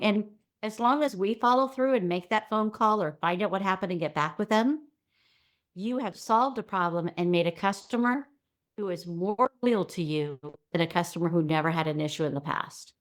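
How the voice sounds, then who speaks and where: Lively middle-aged woman explaining as a guest. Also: on the low side, normal speed. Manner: lively, breaks into acted-out quotes. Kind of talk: conversational interview explanation.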